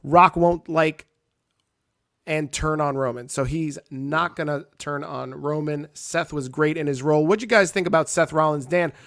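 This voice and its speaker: Male show host, a bit high, excitable, dry sound. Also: normal speed, no echo. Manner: excitable, reads viewer comments. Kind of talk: casual wrestling chat.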